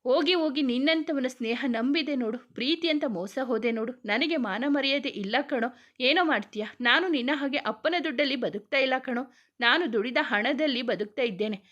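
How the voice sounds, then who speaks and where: A woman's voice: high-pitched, a little fast, fairly bright tone, muffled recording. A woman narrating a romance story, voicing every character herself with emotional, chatty delivery. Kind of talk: dramatic romance story reading.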